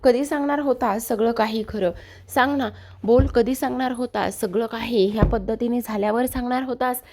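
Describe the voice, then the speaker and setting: A woman's voice: fairly high pitch, fairly even intonation, moderate pace, background noise, close to an everyday voice. A woman voicing a hurt, angry young wife who keeps firing reproachful questions at a man in a TV serial recap. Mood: tearful, furious.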